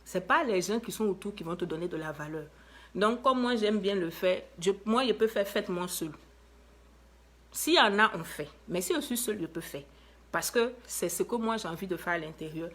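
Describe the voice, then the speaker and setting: A woman with an Ivorian French accent giving an inspirational talk to viewers, emphatic and lively, full of rhetorical questions and repeated phrases. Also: medium pitch, normal speed. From Ivory Coast. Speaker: motivational speaker.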